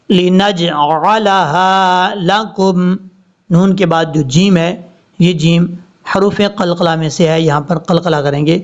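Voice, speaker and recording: A man teaching Quran recitation word by word, drawing out each word slowly and then explaining the rules in plain speech. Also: a little high, a little mellow. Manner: slow drawn-out recitation between plain explanations. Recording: dull lo-fi recording.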